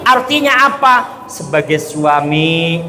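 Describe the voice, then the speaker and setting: Male preacher, high voice, playful and joking with the crowd, long echoing reverb, faint ambience. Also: sing-song, takes it slowly, background noise. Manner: joking, playful, often asks the crowd to agree. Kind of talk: humorous sermon to a crowd.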